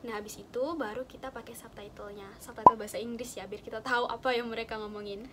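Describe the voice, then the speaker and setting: Young woman, high voice, chatty tip-sharer, noisy background with clicks. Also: fairly even intonation, fast. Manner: chatty, explains with many fillers and examples. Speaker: student sharing study tips. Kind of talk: casual explaining chat.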